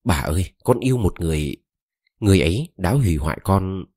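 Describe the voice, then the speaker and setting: A man's voice: sits low, lively intonation, fairly quick, darkish tone, husky, no room sound. A man voicing a desperate, lovesick young woman who pleads tearfully, read close to a dry mic. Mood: pleading.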